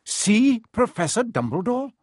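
A man's voice: high-pitched, big pitch swings, unhurried, no echo, studio quality, voice pushed up, full character voice. A man voicing a strict older female professor in a storybook reading, clipped, formal and imperious. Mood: suspicious, stern.

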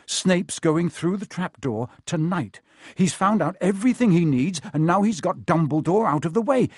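A man's voice: a little high, very animated, moderate pace, husky, no echo, clean studio sound. A man voicing an earnest schoolboy in a storybook reading, anxious, urgent and insistent.

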